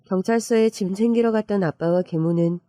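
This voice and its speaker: A woman narrating a listener's story with an emotive storytelling manner. Her voice is mellow and warm, and the recording is dry and close. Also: medium pitch, fairly quick, no room sound.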